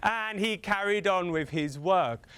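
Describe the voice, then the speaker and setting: A British storyteller with a high-sitting, slightly bright voice tells a folktale theatrically for children, using dramatic pauses, repetition and drawn-out emphasis. There is slight background noise.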